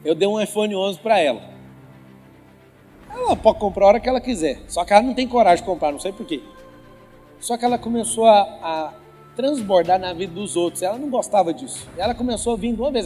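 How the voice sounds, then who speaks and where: A man with a high-pitched voice delivers a motivational talk with religious teaching to a live audience. He keeps teasing and quizzing the crowd. The sound carries a long hall reverb with faint music under it. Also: lively intonation, fast, dark tone. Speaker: motivational speaker. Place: large event venue with live audience.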